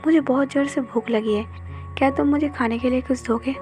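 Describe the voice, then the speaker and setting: A woman's voice: high-pitched, fairly even intonation, fairly quick, over music, natural voice. A woman voicing a tired male vampire who pleads with his partner, in a Hindi storytelling. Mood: hurt.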